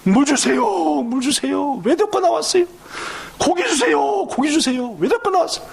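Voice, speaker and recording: A man's voice: very high-pitched, sing-song, normal speed, gravelly, voice pushed up, heavily acted. A man voicing a grumbling Israelite who whines and nags for water and meat. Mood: whining. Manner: whiny, nagging, rising to a shout. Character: whining grumbling Israelite complaining in the desert.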